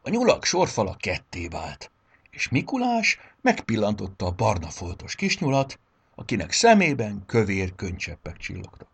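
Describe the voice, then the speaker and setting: A man narrating a children's story in an expressive way. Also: fairly low pitch, creaky, breathy edge. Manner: expressive, voices the characters.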